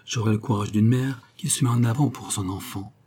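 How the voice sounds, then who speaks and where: A man reading a storybook, voicing a cautious, tender aristocratic mother who speaks in a measured, earnest way. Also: on the low side, dark tone, slightly rough.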